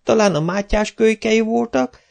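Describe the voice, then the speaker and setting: A man voicing a whiny, dim-witted male night watchman in an audiobook, high and whining. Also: creaky, a little mellow.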